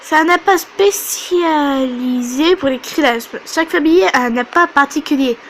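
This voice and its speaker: Woman doing a calm, patient male guide. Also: high voice, moderate pace, a little hiss or hum, low-quality recording. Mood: explaining. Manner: explaining patiently.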